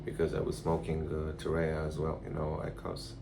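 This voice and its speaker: A man giving a casual, rambling vlog monologue in a blunt, profane, halting way. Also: very deep voice, monotone, gravelly. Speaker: vlogger. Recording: noticeable background noise.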